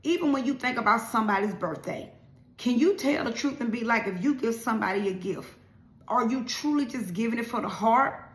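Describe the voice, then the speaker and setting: Woman preacher, earnest, keeps questioning, slightly high voice, roomy echo. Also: expressive, fairly quick. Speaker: minister. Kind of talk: devotional sermon.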